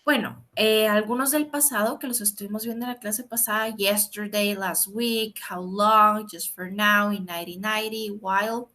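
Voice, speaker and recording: A woman's voice: mid-range voice, steady tone, normal speed, hardly any pauses, sharp tone. A woman English teacher patiently explaining grammar rules in a recorded lesson, spelling out letters and repeating examples.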